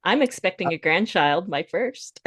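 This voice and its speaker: A middle-aged woman with a fairly low voice co-hosts a podcast in easy casual chat. She laughs often as she talks. Her voice sits close and dry on the mic. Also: animated, measured pace, fairly bright tone, breathy edge, dry recording. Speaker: podcast co-host.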